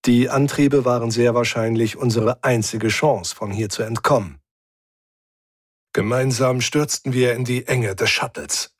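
A man narrates a first-person science-fiction audiobook in a steady, slightly rough voice at a measured pace, recorded in studio quality with no echo. His reading is tense, and he raises his pitch to voice the characters.

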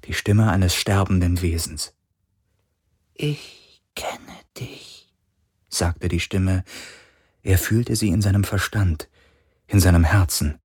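A man reading an audiobook as narrator in a slow, deliberate way. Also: low voice, steady tone, a little mellow, husky. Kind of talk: scripted narration.

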